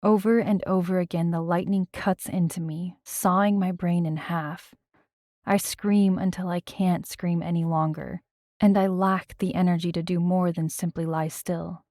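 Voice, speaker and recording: Woman reading a tense first-person audiobook, kinda low voice, super dry close mic. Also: steady tone, moderate pace, warm tone, no room sound. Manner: tense, dramatic storytelling. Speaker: audiobook narrator.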